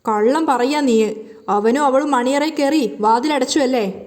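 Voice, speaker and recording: A woman's voice: high voice, a little slow, a little mellow. A woman voicing an arrogant, scornful mother-in-law who talks down to others. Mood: haughty. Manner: haughty, sneering.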